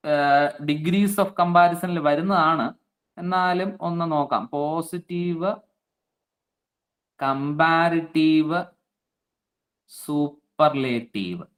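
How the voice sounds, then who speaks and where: A man's voice: a little high, fairly bright tone. A man teaching an online exam-prep class, reading out student names and checking their answers. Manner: slow, coaxing explanations.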